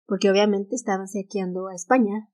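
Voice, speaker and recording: Reading notes aloud on a casual history podcast, this co-host speaks fairly quickly at a medium pitch, with a steady, darkish tone. She has a Mexican Spanish accent, trips on English titles, and is quick to laugh.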